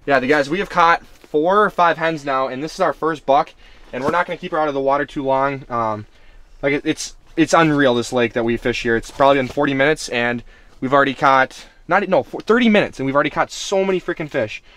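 A young man chatting casually and excitably to the camera as a fishing vlogger inside a tent. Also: fairly high pitch, brisk. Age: young adult. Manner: excitable, slangy. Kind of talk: casual vlog chat. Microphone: camera a short distance away. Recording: faint noise on camera audio.

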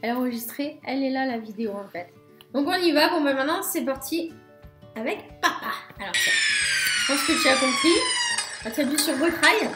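A French woman hosts a playful home vlog in a high, very animated voice, prone to stifled giggles. Her delivery is unhurried, and she is recorded in an echoey room with music behind her. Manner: giggly, often breaking into stifled laughter. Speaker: vlog host, mother. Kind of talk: playful casual chat to viewers. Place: small room at home, indoors. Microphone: camera a short distance away.

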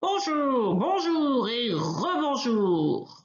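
A woman's voice: a little high, big pitch swings, extremely slow, voice pushed up, exaggerated voice. A woman voicing a big, furious male elephant in a storybook reading, bellowing his lines. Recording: roomy, slightly dull recording.

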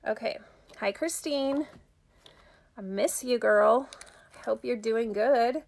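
Slow, creaky-voiced woman vlogger. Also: a little high, darkish tone. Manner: chatty, talks to viewers while working. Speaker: makeup vlogger. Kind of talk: casual live makeup tutorial.

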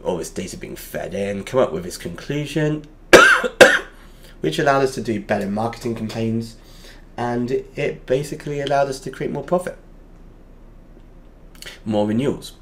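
A man teaching a lesson over a whiteboard drawing, explaining step by step and pausing often with fillers. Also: medium pitch, lively intonation, a bit bright, a little hiss or hum.

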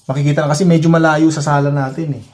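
A man talking casually to his viewers in a vlog on his phone, animated and chuckling, with lots of tag questions. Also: a little high, racing, soft background music. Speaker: vlogger.

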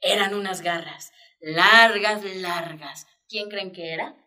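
A woman telling a story to children in an animated way, asking them questions along the way. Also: medium pitch, slow. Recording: voice picked up from a distance.

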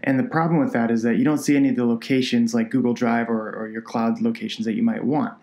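A man's voice: mid-range voice, quick pace. Nasal-voiced man explaining a tutorial. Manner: relaxed, conversational step-by-step explaining. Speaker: product designer. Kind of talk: screencast software tutorial.

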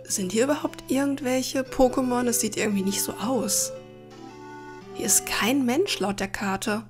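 A woman playing a video game and reading all of its dialogue aloud in her own voice, with dramatic, expressive delivery. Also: on the high side, a little slow, faint music behind. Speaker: Let's Play gamer.

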